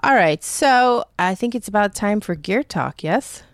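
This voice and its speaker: A woman's voice: mid-range voice, animated, a little slow, dry recording, clean studio sound. A woman co-hosting a podcast in casual chat, upbeat and laughing often. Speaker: podcast co-host.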